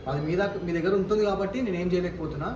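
A young man, a vlogger who pleads and then shouts angrily in a staged family quarrel. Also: high voice, very fast. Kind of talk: staged family confrontation vlog. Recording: noisy, echoey, phone mic from a distance.

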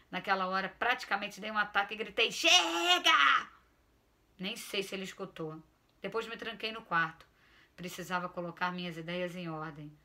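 Woman author reading her story aloud, bright voice, expressive and weary. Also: medium pitch. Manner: expressive, weary, first-person narrating.

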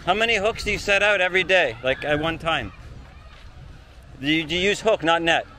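Sharp-toned and a little high, with lively intonation and a fairly quick delivery, a middle-aged Canadian travel vlogger chats with villagers in short, simple phrases as he walks a busy neighborhood. The rough recording comes from an action camera held or worn on his body, surrounded by outdoor crowd and street noise.

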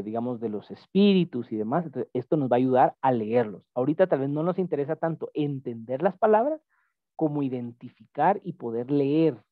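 A man teaches a Greek lesson in an online class, patient and explanatory, often checking that his student is following. His voice is medium-pitched with no echo, over tinny, phone-like call audio.

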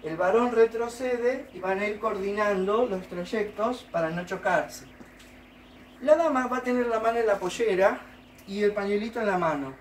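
Argentine dance teacher in a roomy space. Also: male voice, sits high, normal speed, distant mic, a little hiss or hum. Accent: Argentine Spanish. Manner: explains step by step, checks in with questions. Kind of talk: online dance lesson. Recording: roomy, from off the mic. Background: folk guitar music.

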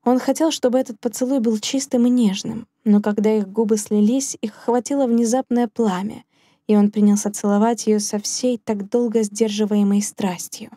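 A woman narrating an audiobook in a calm, measured storytelling manner. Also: fairly high pitch, no echo, clean studio sound. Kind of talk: scripted narration.

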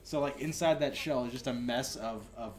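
A man's voice: mid-range voice, normal speed. A young man co-hosting a let's play, rambling and joking crudely while gaming. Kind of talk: casual gaming banter.

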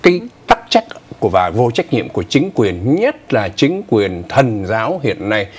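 An older man co-hosting a casual morning news program explains stories at a measured pace, his husky voice swinging lively up and down in pitch. He's chatty and conversational, pausing for asides, and a lapel mic in the TV studio picks him up cleanly.

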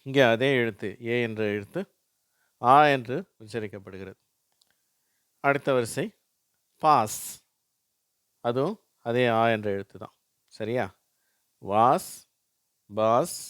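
A man's voice: medium pitch, clear, resonant tone, dry recording, studio quality. A man teaching English phonics, reading single words aloud for learners to repeat. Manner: slow, drilling words with a pause after each.

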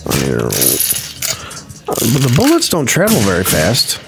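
A man's voice: mid-range voice, wildly swooping pitch, a little slow, gravelly, music in the background. A man hosting a gaming channel, giving chatty, playful let's-play commentary in a slangy, easygoing way and humming to himself as he plays.

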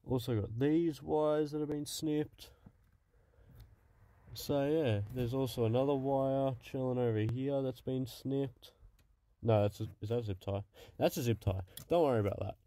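A man's voice: mid-range voice, fairly even intonation, measured pace, dark tone, dry recording. A man narrating casually while working in a cramped car footwell, muttering and swearing as he goes. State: out of breath. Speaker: car project vlogger. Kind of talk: casual work-along narration.

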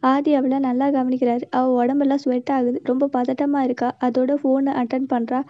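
A woman's voice: sits high, flat delivery, moderate pace. A woman narrating a serial story in Tamil-language storytelling style, reading out every character herself. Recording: dull, lo-fi sound.

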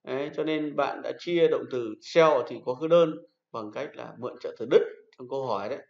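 A man's voice: mid-range voice, fairly quick, vocal fry, a little mellow. Male teacher, patient, repeats rules; roomy classroom, muffled lo-fi recording. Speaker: English teacher. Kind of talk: classroom lesson. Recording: echoey room, dull lo-fi sound.

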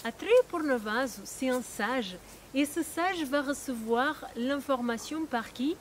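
Woman, high voice, non-native accent, patient lesson explainer who hesitates and restarts often. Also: animated, measured pace, slight background noise. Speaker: Ayurveda teacher.

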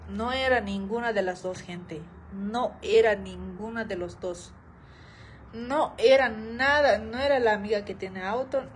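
A woman's voice: mid-range voice, slight background noise, low-quality recording. A young woman vlogger casually telling a story to her viewers, chatty, repeating phrases and often calling out to them.

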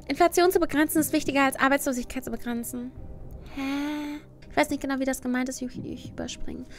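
A woman chatting casually on a livestream with a cute, animated anime-streamer delivery, switching between reading aloud and giving her own take. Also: high-pitched. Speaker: livestreamer, VTuber host. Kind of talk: casual livestream chat, reading out and answering quiz questions.

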